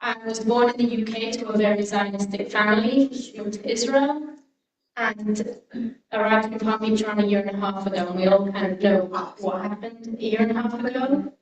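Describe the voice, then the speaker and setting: Woman in her twenties, flat delivery. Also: mid-range voice, normal speed. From United Kingdom. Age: 20s. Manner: relaxed, frequent "um" fillers. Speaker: guest speaker. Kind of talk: personal talk to a congregation. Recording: echoey room, mic at a distance.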